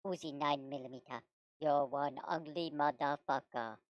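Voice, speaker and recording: A man's voice: fairly even intonation, moderate pace, dry recording, muffled recording. A man streaming a game through a voice changer, joking and trash-talking in casual chatter. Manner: joking, playful trash talk. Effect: voice changer making him sound like a low-voiced woman.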